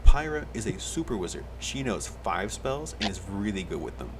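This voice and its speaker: A man's voice: lowish voice, very animated, normal speed, noisy background. A man running a tabletop game as game master, explaining rules and describing scenes at length.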